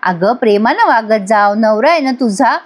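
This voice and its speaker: Scolding mother, stern and reproachful, fairly high voice, as a woman puts her on. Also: animated, moderate pace.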